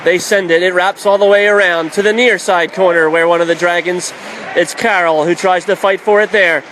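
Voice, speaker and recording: Over the clear noise of an arena, a man calls ice hockey live on the radio in clipped, vivid phrases. His voice is high, his pace normal, and his intonation fairly even.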